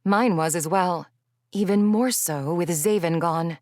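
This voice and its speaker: A woman reading a young adult fantasy audiobook in first person, measured and reflective. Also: fairly low pitch, a little mellow, dry recording, clean studio sound. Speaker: audiobook narrator.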